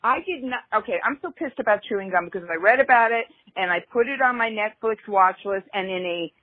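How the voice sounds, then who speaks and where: A woman's voice: medium pitch, brisk. A woman co-hosting a podcast in casual chat, rambling and self-mocking. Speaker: podcast co-host. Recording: tinny phone-like line, dry.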